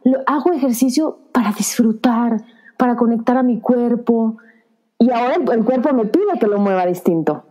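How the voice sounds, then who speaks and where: A woman co-host with a high but mellow, warm voice chats in a personal, friendly way and talks straight to her listeners. The setting is a relaxed podcast conversation. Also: normal speed.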